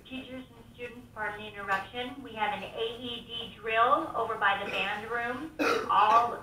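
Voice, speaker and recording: A woman's voice: fairly high pitch, normal speed. A woman from the school staff making a formal announcement over the school intercom. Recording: distant echoey loudspeaker with faint noise.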